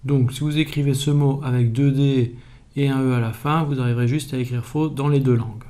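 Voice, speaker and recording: A man calmly explaining spelling in a video lesson, methodical and even. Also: mid-range voice, a little fast. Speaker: French language teacher.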